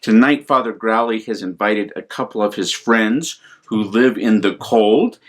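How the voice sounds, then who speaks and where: An American priest hosts a children's storytime, reading aloud in a lowish voice. His pace is unhurried and his manner gentle and expressive.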